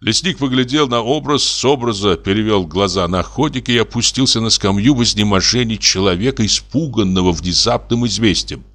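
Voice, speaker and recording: A man's voice: on the low side, fairly quick, few pauses, a bit bright. A man narrating a classic story as an audiobook, telling it expressively. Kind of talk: literary narration.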